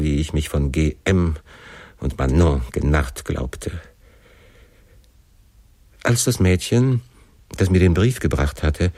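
Deep-voiced male audiobook narrator, first-person classic novel, expressive but measured, dry close sound. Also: dry recording. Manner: expressive, measured dramatic reading.

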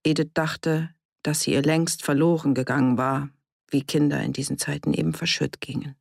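A woman narrating an audiobook in a steady, measured storytelling manner. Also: low voice, creaky, dry recording, clean studio sound. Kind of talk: scripted narration.

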